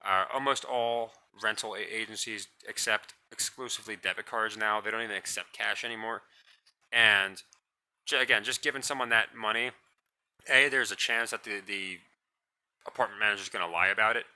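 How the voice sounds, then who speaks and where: At a moderate pace, a man with a lowish voice runs a solo commentary as the channel's host. His rant is blunt and scornful, full of rambling and restarted sentences, and he describes his voice as monotonous.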